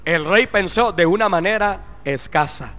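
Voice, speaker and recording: A male pastor preaching a fervent sermon. He fills it with hallelujahs and swings from loud exhortation to muttered asides. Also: high-pitched, moderate pace. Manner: fervent preaching, with frequent interjected "aleluya" and "bendito Cristo". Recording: long reverb of a large hall.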